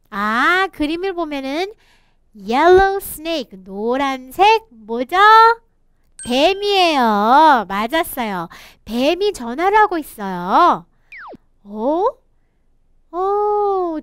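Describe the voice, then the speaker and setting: A woman teaching a children's picture-book English lesson, reading slowly and encouraging the kids to repeat after her. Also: high-pitched, very animated, fairly bright tone. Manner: slow, encouraging, sing-song reading with laughs.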